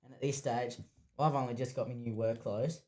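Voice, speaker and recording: A man with an Australian accent telling a relaxed story as a podcast co-host, swearing casually. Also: mid-range voice, normal speed, reverberant. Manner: relaxed, swears, tells a mishap yarn.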